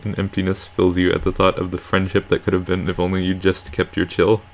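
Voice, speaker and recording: Gravelly deep-voiced man reading a game. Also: completely flat delivery, fairly quick. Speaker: let's play co-host reading the game text. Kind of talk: narrating a visual novel aloud.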